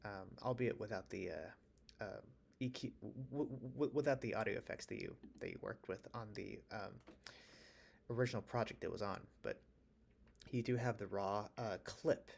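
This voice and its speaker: Male streamer, producer type, husky morning voice, low pitch, stammering laid-back chat. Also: moderate pace, a little hiss or hum. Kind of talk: relaxed live-stream chat. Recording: music playing faintly behind.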